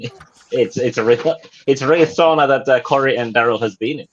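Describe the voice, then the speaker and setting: A man's voice: mid-range voice, fairly quick, lo-fi sound, a little hiss or hum. A man with a Finnish accent, a guest chatting casually over a video call from a sauna, often repeating words as he restarts.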